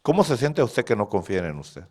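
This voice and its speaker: A pastor delivers a sermon in a lively, swinging voice that leaps into sudden shouts and sinks low again. Speaking fairly quickly, he addresses his congregation directly and animatedly, laughing at his own stories.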